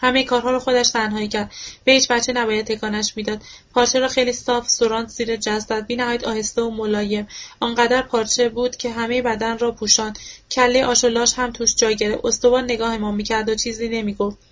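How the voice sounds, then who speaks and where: A woman reads a novel aloud in a fairly high, narrow-ranged voice, bringing emotion to the quoted speech. The recording sounds dull and lo-fi. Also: level tone. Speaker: audiobook reader.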